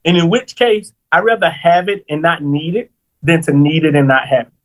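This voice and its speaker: Speaking at normal speed in a voice on the high side, this thirty-something man is a financial planner appearing on a podcast. His explanations are lively and chatty, punctuated with check-ins of "right?"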